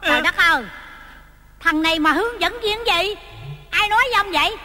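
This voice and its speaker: A sharp-tongued old grandmother in a stage comedy sketch. She scolds in an exasperated way, with a high, bright voice. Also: fairly quick, exaggerated voice. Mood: scolding.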